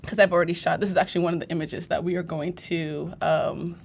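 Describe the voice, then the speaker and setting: A woman with a somewhat low-pitched voice talks easily and conversationally, laughing often as she walks viewers through her process. She comes from Arizona and says "y'all" now and then. Faint room noise sits under the recording. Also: flat delivery, fast talker, gravelly. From United States (Phoenix, Arizona). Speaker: guest portrait photographer. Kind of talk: casual livestream tutorial chat. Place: studio in San Francisco.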